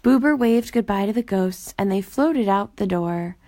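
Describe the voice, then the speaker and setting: A woman reading a children's storybook aloud in a gentle, even storytelling manner. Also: medium pitch, normal speed. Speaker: storybook reader.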